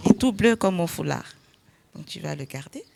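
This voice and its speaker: A woman playing a devout, affectionate visiting sister in a drama, speaking halting broken French mixed with English. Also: on the low side, expressive, gravelly, a little mellow, slight background noise. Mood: tender, devout.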